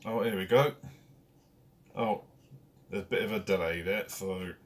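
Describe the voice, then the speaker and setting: Slow-talking man on a live stream. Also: low voice, fairly even intonation. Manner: chatty, greets viewers one by one by name. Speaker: carp fishing channel host. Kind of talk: casual live-stream chat. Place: at home, indoors.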